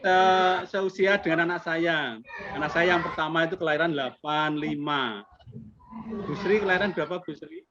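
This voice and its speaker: Over a muffled video call with background noise, an accreditation assessor in his fifties interviews teachers. His fairly high voice moves at a moderate pace, carries a Javanese accent, and stays friendly and chatty, with Javanese politeness words mixed in.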